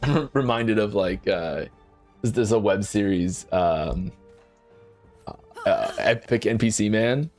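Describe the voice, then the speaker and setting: A man hosting a casual developer Q&A stream while playing, talking in a lively way and often repeating words and restarting his sentences. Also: lowish voice, takes it slowly, long pauses, faint music behind. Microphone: desk mic.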